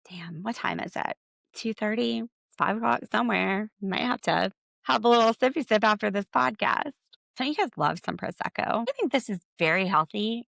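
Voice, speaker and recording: A young woman hosting a podcast recaps a reality show in loose, sarcastic casual chat, acting out quotes in a high voice. Her voice crackles with heavy vocal fry. The recording is dry, close and a bit bright, with no room sound around it.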